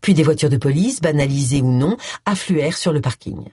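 An audiobook narrator reading a crime novel in an expressive storytelling manner. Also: medium pitch, brisk, husky, no room sound, clean studio sound. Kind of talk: scripted narration.

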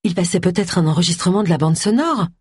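A woman's voice: on the low side, animated, fast talker, darkish tone, breathy edge, no echo, studio quality. A woman voicing a curious, fretful man.

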